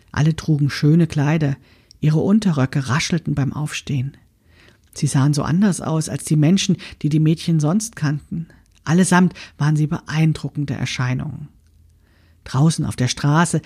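A woman narrating her own short story in a measured, steady reading style. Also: low voice, husky.

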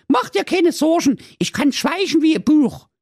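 Storybook parody: cheeky, impatient young girl, played by a man in high falsetto. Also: very animated, unhurried, no room sound, clean studio sound, exaggerated voice.

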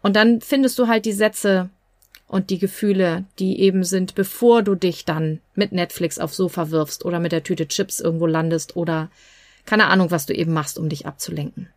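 A woman's voice: lowish voice, fairly even intonation, normal speed, dry recording. A woman coach and podcast host giving advice in a conversational, explanatory way, with fillers here and there.

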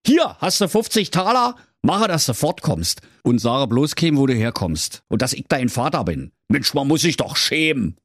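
A man voicing an exasperated father who scolds his son in a high, nagging voice. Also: very animated, moderate pace, hardly any pauses, dry recording, clean studio sound. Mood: scolding.

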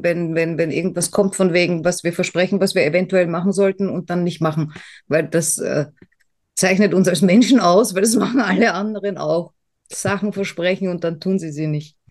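A woman's voice: fairly low pitch, fairly even intonation, brisk. A woman co-hosting a podcast in casual chat, rambling and self-mocking, with many fillers and restarts. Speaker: podcast co-host.

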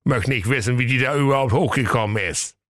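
Man playing an offhand firefighter shrugging off help; raised, bright voice, dry studio. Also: medium pitch, brisk, dry recording, voice pushed up, close to an everyday voice. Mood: dismissive. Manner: offhand and dismissive. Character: lazy, shrugging male firefighters. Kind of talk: comic radio fairy tale.

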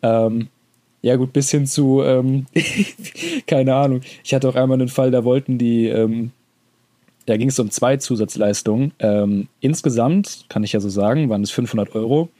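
A man's voice: mid-range voice, normal speed, mellow. A young man co-hosting a podcast, talking casually in a rambling way with slangy asides. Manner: rambling, many restarts and fillers, slangy. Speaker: podcast co-host.

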